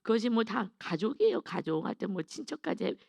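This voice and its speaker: A woman's voice: mid-range voice, sing-song, a little fast, gravelly, darkish tone, no echo. A middle-aged woman pastor giving an earnest, confessional dawn sermon with emphatic stresses.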